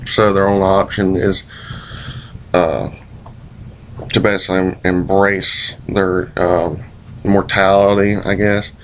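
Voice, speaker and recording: Low-voiced man, hazily recounting a puzzling dream. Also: flat delivery, slow, pauses often, a little hiss or hum, low-quality recording. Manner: hazy, puzzled, groping for words; folksy, colloquial, mildly profane. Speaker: vlogger. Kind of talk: casual rambling recounting of a dream.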